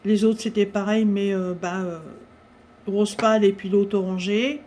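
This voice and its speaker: A woman chatting casually through a craft-supply haul, talking with many pauses and fillers. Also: medium pitch, steady tone, darkish tone.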